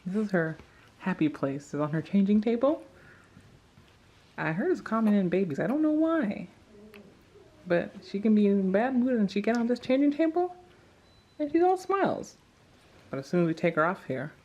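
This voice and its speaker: A woman's voice: medium pitch, lively intonation, moderate pace, pauses often, a little mellow. A young woman, a new mother, chatting casually to the camera and cooing to her baby in a family vlog. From Nigerian American. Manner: chatty, coos in sing-song baby talk.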